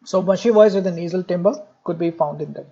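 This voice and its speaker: A man's voice: high voice, fairly quick, vocal fry, dark tone, slightly rough, highs cut off. A man giving a medical lecture, joking with the class and repeating key points.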